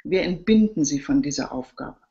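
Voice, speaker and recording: A woman's voice: deep voice, lively intonation, moderate pace, mellow. A woman voicing an impatient male police detective who speaks curtly, in a dull lo-fi recording.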